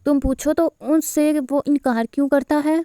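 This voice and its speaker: Woman voicing a blunt old grandmother scolding in an audio novel, a bit high, dry close sound. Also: fairly even intonation, mellow, no echo, close to an everyday voice. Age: older. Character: stern old grandmother, quick-tempered and blunt.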